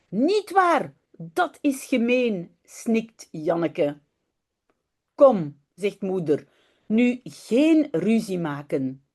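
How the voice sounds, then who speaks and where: A Dutch woman teacher reads a children's story aloud slowly, her pitch very animated as she shifts into different character voices. Between readings she explains things in a quick, chatty way.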